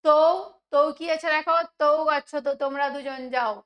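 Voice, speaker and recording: Brief: woman teacher, high and fairly monotone, explains answers in question-and-answer steps. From West Bengal, India. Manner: asks questions then answers them, slowing to read examples. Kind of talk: exam solution lesson.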